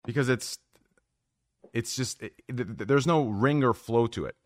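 A man's voice: medium pitch, a little slow, dry recording. A man chatting casually in a group podcast, slangy and given to swearing.

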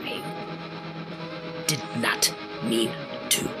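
A man voicing a menacing, blood-drenched huntress in a raspy, breathy, slow old-hag croak for a tabletop game. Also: medium pitch, over loud music, voice pushed down. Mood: haunted, slow. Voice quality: raspy, breathy near-whisper. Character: menacing blood-drenched woman, crossbow-wielding hunter, hag-like. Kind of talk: in-character tabletop role-play.

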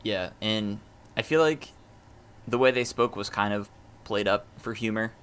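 Low, bright-toned man reviewing a film. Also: measured pace, clear, resonant tone. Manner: relaxed, hesitant with fillers. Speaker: podcast co-host. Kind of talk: casual movie review chat.

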